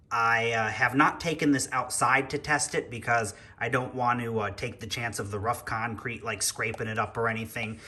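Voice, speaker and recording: A man's voice: mid-range voice, pushed and bright, a little hiss or hum. A man giving a casual hands-on toy review indoors at home. He talks in a chatty, rambling way and thinks aloud while he works with his hands.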